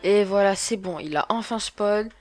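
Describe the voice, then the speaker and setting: A man giving excitable, chatty let's play commentary, often repeating words as he plays. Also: high-pitched, moderate pace, soft background music. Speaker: gaming video creator.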